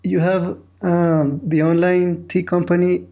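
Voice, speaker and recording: Dark-voiced male podcast host, muffled sound. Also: high-pitched, level tone, slow, gravelly. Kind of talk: casual podcast interview.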